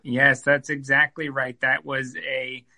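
A man answering interview questions as a guest physician, measured and thoughtful. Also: medium pitch, flat delivery, pushed and bright. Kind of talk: conversational interview.

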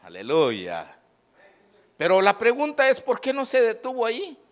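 A male pastor preaching a fervent sermon, swinging between shouts and low asides. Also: huge pitch swings, unhurried.

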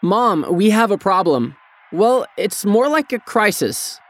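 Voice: medium pitch, very animated, takes it slowly. A voice actor playing a young son who tells his busy mother about a problem in a recorded English-lesson dialogue. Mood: cheeky.

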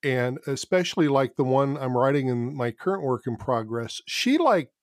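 A man's voice: medium pitch, animated, normal speed, no room sound. A man talks easily as a guest on a podcast, laughing at his own speech habits. His voice sits in a middle register. It is recorded close and dry, with no room sound. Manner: chuckles often, mocks his own verbal habits. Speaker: guest author. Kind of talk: casual podcast chat.

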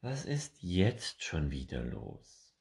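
A man voicing a calm, patient blue tit who soothes a friend in a children's storybook. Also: a bass voice, slow, gravelly, full character voice. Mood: soothing.

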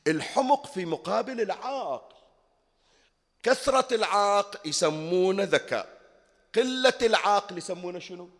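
A man's voice: high-pitched, animated, normal speed, fairly bright tone. A Bahraini man delivers a colloquial sermon at a mourning gathering, his raised voice swinging widely up and down. He keeps putting questions to his listeners. The recording carries the long reverb of the hall. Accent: Bahraini Arabic. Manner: asks the audience rhetorical questions.

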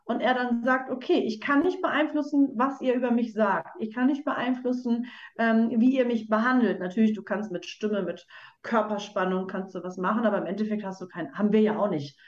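A woman's voice: mid-range voice, steady tone, brisk. A woman, a children's book author, talking earnestly in an interview and explaining her ideas with everyday examples and many fillers. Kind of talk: conversational podcast interview. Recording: roomy, dull lo-fi sound.

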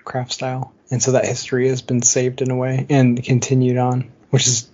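A man's voice: mid-range voice, completely flat delivery, moderate pace, mellow, dull audio. A man co-hosting a podcast in casual chat, talking loosely with many fillers and frequent laughs. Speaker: podcast co-host.

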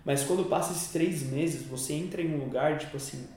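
A man's voice: on the high side, a little fast, darkish tone, very echoey, recorded from a distance. A man hosting a podcast in casual, slangy chat, often cutting in with short agreements. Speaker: podcast host.

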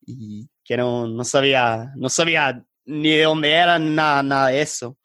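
Man telling stories in halting Spanish. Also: medium pitch, clean tone, dry recording, clean studio sound. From England. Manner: hesitant, halting, animated anecdote telling. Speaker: podcast guest. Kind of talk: casual storytelling in an interview.

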